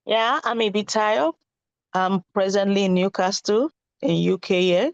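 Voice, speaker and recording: A woman's voice: medium pitch, a little slow, creaky, no room sound, lo-fi sound. A woman introducing herself as a participant on an online call. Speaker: webinar participant.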